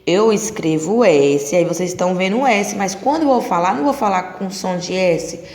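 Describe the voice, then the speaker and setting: A woman teacher with a Brazilian Portuguese accent, patiently explaining a lesson to children and slowly drawing out example words. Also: fairly low pitch, animated, a little mellow. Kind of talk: recorded classroom lesson. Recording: echoey room with long reverb.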